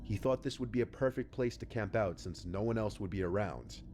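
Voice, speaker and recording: A man with a low voice reads scripted narration like a nature documentary. He is measured and ominous, with clear background noise.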